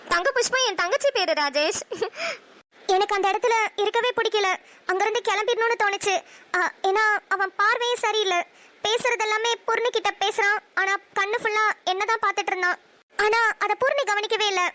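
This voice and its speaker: A woman's voice: extremely high pitch, steady tone, fairly quick, sharp tone. A woman with a Namakkal Tamil accent narrating a cartoon story in the first person, chatty and blunt. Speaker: narrator and voice actor.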